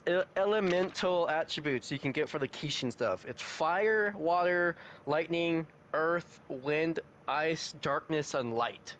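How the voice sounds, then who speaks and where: A man's voice: on the high side, a little slow, few pauses, fairly bright tone, a little hiss or hum. A young man hosting a podcast, casually recapping an anime plot and laughing often as he tells it. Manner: giggly, laughs often while retelling scenes. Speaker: podcast host.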